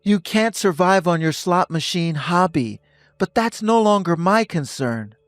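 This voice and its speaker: A man in his fifties voicing a stern husband who speaks calmly and coldly, lecturing his wife. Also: sits high, measured pace, dry recording, studio quality, faint music behind. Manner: calm, cold and lecturing. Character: stern husband ending a toxic marriage.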